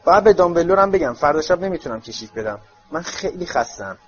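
A tired, friendly young witch who yawns through her words, voiced by a man reading a storybook. Her voice sits higher than his own, with a lively lilt. The recording is slightly dull, with faint music underneath. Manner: yawning, drowsy. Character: young adult woman auror, sleepy and friendly.

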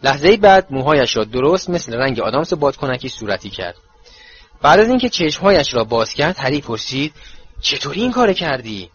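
A man narrating a storybook in an expressive, dramatic reading. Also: mid-range voice, muffled recording, slight background noise. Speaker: audiobook narrator.

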